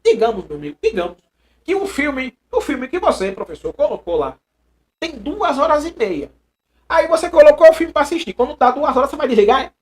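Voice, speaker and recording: A man with a Brazilian accent teaching a live online exam-prep lesson, animated and chatty, repeating phrases and reading viewers' messages aloud. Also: very high-pitched, fairly quick. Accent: Brazilian Portuguese.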